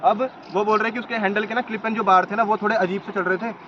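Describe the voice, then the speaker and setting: A young man vlogs outdoors, giving an argumentative commentary and laying out his points one after another. His voice is high, steady and a bit bright, and he talks fast. The lo-fi recording is slightly dull with faint noise.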